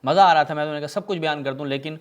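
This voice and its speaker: Sarcastic preacher, a man with a slightly high voice, reading texts with mocking asides. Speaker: religious speaker. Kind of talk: polemical lecture reading from books.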